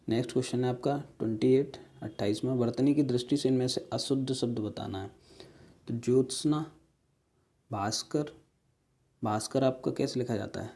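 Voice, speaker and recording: A man's voice: mid-range voice, dark tone. A man teaching an exam-prep spelling lesson, going through questions step by step and asking viewers rhetorical questions. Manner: explains step by step, repeating words and "ठीक है".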